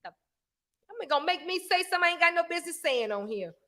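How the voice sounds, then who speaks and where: A livestream host, a woman with a very high, sharp voice, talks emphatically to her viewers a little fast and with lively intonation. She reads out their comments and does a bit of preaching.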